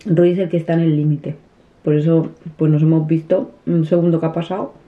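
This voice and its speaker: Speaking low-pitched, flat and brisk, this thirtysomething family vlogger chats softly to the camera over a meal at her dinner table, often starting her sentences over. The small indoor room is picked up at close range by a camera resting on the table, and the audio sounds tinny, like a phone.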